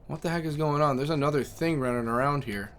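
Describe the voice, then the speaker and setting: A man's voice: a little high, fast, close to an everyday voice. A man voicing a laid-back, curious female house cat who answers with nonchalant, puzzled remarks. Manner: nonchalant, then puzzled and bossy.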